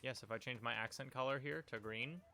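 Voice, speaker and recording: Here a man rambles through casual live-stream chat while playing a video game at home, using a desk mic and dropping fillers and small jokes. He talks fairly quickly, with a medium pitch and a pushed, bright tone.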